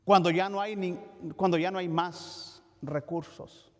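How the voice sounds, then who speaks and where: A male pastor giving a Bible study sermon. He talks in a halting way, with many fillers and restarts, and keeps asking "¿verdad?". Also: high voice, steady tone. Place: church sanctuary. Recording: long church reverb.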